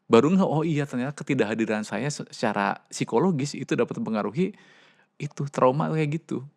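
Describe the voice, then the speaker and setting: A man's voice: mid-range voice, brisk, vocal fry, dry recording, clean studio sound. A man, a psychologist guest, telling client stories in casual conversation and animatedly acting out the voices of the people in them. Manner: animated, acts out quoted voices.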